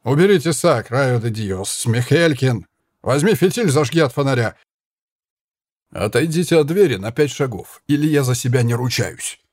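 A man's voice: mid-range voice, expressive, normal speed, a little mellow, no room sound, studio quality, lightly acted. A man voicing a small, stern young Spanish guard who speaks in firm, clipped commands. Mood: cold threat.

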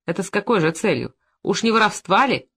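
A woman's voice: mid-range voice, sing-song, fairly quick, a bit bright, breathy edge, exaggerated voice. A woman reading an audiobook, voicing an insolent, mocking petty-thief man. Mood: taunting.

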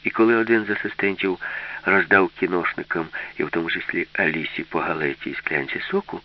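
A man narrating a children's science fiction story in an expressive storytelling manner. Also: deep voice, quick pace. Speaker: audiobook narrator. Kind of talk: scripted narration. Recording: dull lo-fi recording.

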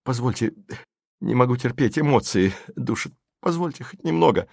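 A man voicing an overjoyed, fawning young male TV reporter in an audiobook, gushing and shouting with delight. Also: mid-range voice, expressive, normal speed, creaky, dry recording, clean studio sound. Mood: pleading.

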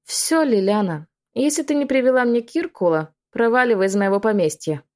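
A woman's voice: a little high, animated, moderate pace, darkish tone, pitched above the performer's own voice, close to an everyday voice. A woman voicing a haughty, scheming young witch who drawls scornful threats in a storybook reading.

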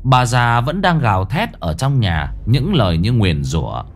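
A man narrating a ghost story in a suspenseful, expressive way. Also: mid-range voice, measured pace, slight background noise.

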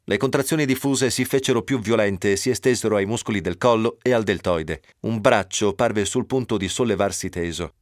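A man reading a novel aloud on radio in a steady, even storytelling manner. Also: lowish voice, brisk, few pauses, no echo, clean studio sound. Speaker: narrator.

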